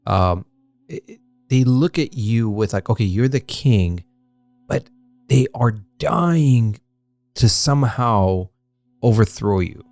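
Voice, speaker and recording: A man's voice: medium pitch, expressive, slow, darkish tone, no echo. A man co-hosting a casual history podcast, talking in a rambling way with many fillers and restarts. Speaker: podcast co-host.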